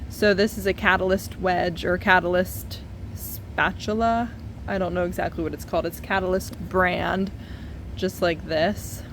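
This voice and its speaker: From a basement studio, a woman in her thirties offers a relaxed, talkative demonstration of painting technique. The audio has a little hiss or hum behind her mid-range voice, as it's captured by a distant camera with no dedicated mic.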